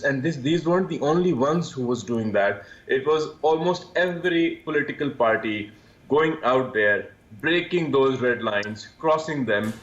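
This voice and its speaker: A male journalist giving live news analysis in a halting, emphatic way over a dull, echoey link. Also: mid-range voice, a bit bright. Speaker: journalist, guest commentator.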